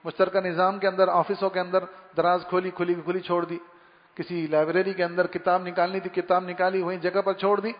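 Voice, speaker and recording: A high-pitched male preacher delivers a sermon on manners in an easy, storytelling way, acting out small sounds to make his point. His voice rings with a long reverb, as in a large hall, and the recording sounds muffled and dull. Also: flat delivery. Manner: conversational storytelling, imitates sounds. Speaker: Islamic preacher.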